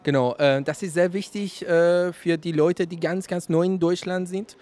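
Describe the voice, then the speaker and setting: A man, answering interview questions in halting speech with many fillers, into a handheld mic at an indoor event. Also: high voice, steady tone, darkish tone. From Iran. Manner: hesitant, many fillers, searching for German words. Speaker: radio volunteer interviewee. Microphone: handheld reporter mic.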